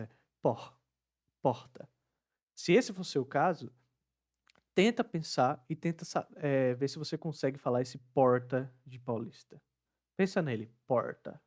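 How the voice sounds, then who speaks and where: A man's voice: a little high, a little mellow. A young man from the Northeast of Brazil with a Northeastern Brazilian Portuguese accent, teaching English pronunciation in a casual online lesson and repeating words to show the sounds.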